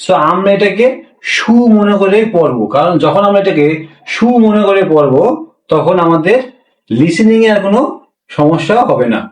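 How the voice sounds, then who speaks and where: A high-voiced man teaches a pronunciation lesson step by step, putting questions to his class and answering them himself. He repeats every point. His voice sounds a little distant from the mic in a roomy, echoing space. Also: lively intonation, normal speed. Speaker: language teacher.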